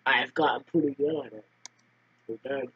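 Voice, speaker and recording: Male gamer, high husky voice, stumbling reads, dull recording. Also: normal speed, bright, forceful tone. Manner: stumbling, mumbled reading with laughs. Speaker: gamer reading character lines. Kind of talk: casual let's-play voice reading.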